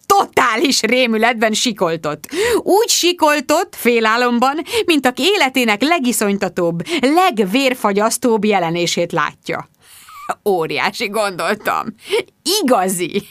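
Lively woman narrating an audiobook. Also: fairly high pitch, dry recording, clean studio sound. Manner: animated, comic storytelling.

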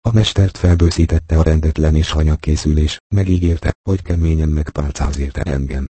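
A man narrating a classic novel as an audiobook in a measured, steady storytelling voice, recorded on a close microphone. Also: rumbling low, no echo.

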